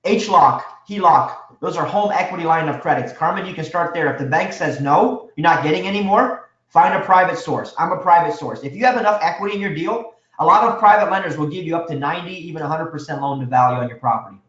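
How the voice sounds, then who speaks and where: Energetic high-voiced man teaching a seminar. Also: fast talker, hardly any pauses. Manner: energetic, quizzes the audience with questions. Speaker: real estate instructor. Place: seminar room with a live audience. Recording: echoey room, dull lo-fi sound.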